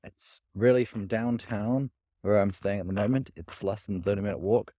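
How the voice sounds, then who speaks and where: Man, somewhat deep voice, casual walking vlog, rambling and hedging delivery, outdoors, no echo. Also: moderate pace, dark tone, studio quality. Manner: rambling, hedging with sort of and kind of. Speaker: vlogger. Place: outdoors in a city park.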